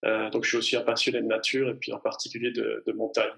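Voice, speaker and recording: A man's voice: fairly low pitch, monotone, fast, creaky, a bit bright, a little hiss or hum, rough recording. A man in his thirties from the French Alps, a climate scientist answering interview questions with many fillers and restarts. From Hautes-Alpes, France. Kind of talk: podcast interview.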